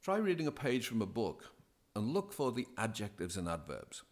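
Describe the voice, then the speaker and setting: A man speaking as a podcast guest, giving deliberate, emphatic advice as a DJ coach. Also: fairly low pitch, huge pitch swings. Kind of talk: measured, scripted-sounding advice.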